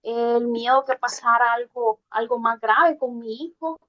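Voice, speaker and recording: A woman from Guatemala shares a personal testimony over a video call on her phone. Her voice sits somewhat high, and she talks in a halting, hesitant way, dropping almost to a murmur at the heavy moments. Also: highs cut off. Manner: hesitant, halting, voice drops low when moved. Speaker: class participant sharing a testimony.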